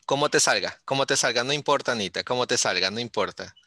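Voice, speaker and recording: Bright-voiced encouraging male teacher. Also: medium pitch, fast, no room sound. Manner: coaxing and encouraging, switching between English and Spanish. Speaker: English teacher. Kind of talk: online class on a video call. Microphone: video call.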